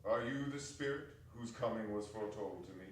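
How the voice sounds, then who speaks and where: An actor playing the old miser Scrooge in a live staged reading, exclaiming with sudden big rises, heard from far off in an echoey hall. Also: male voice, on the low side, a little fast, slight background noise, natural voice. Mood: questioning. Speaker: reader in a staged dramatic reading. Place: small arts center stage.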